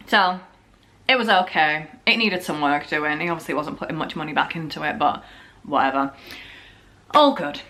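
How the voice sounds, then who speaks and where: A young woman vlogs at home, telling a story in a chatty, jokey way with frequent "like"s. Her low voice is pushed and bright, and her throat sounds slightly sore and scratchy.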